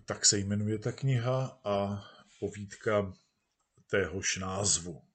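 A man reading a satirical short story aloud in a measured, dry storytelling manner. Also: lowish voice, breathy edge. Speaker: narrator.

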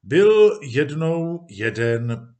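A man narrating a storybook in a measured, expressive way. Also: on the high side. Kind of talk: storybook reading.

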